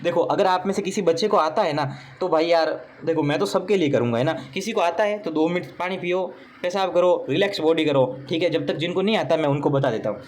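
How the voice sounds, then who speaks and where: A male tutor with a high-pitched voice works through exam questions with his students. He jokes along the way and keeps checking they follow. A faint hiss of noise sits under the recording. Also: brisk, few pauses, darkish tone. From Rajasthan, India. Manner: chatty, joking asides, repeats "theek hai na". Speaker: exam coaching teacher. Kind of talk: recorded exam paper walkthrough.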